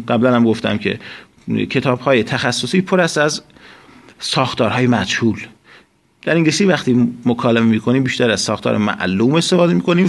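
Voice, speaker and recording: A male teacher who reads English sentences slowly and word by word before explaining them. He uses a measured, patient classroom delivery. His voice sits in an ordinary middle pitch. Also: gravelly. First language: Persian. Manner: slow, deliberate reading of English phrases, then explains in Persian. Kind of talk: recorded class lesson.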